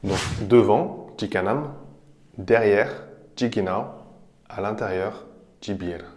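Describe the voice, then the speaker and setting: Man, language teacher, patient, repeats words slowly, lowish voice, roomy echo. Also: darkish tone. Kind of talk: explaining vocabulary with repeated examples.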